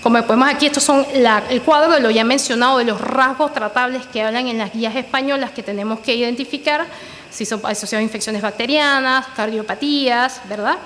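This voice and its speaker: Female physician lecturer, higher voice, explanatory with fillers; echoey reverberant room, faint background noise. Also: brisk, fairly bright tone. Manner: explanatory, frequent "eh" fillers and "¿verdad?" tags. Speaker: pulmonologist lecturer. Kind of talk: medical lecture with slides.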